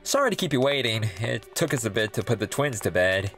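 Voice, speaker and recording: A man's voice: medium pitch, big pitch swings, a little fast, fairly bright tone, faint music behind. A man voicing an easygoing adult hedgehog king, casual and reassuring, in a comic dub. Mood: relaxed, explaining. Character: easygoing hedgehog king, adult male hero, fond husband.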